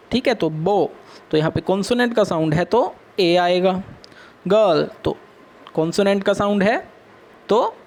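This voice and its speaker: A man with an Indian English accent teaching young pupils, asking questions and answering them himself as he explains step by step. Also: high-pitched. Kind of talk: classroom lesson for children.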